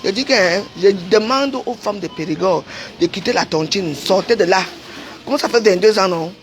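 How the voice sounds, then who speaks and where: A woman's voice: medium pitch, moderate pace, faint music behind. A woman delivering a confrontational livestream rant, scolding people directly. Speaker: online commentator.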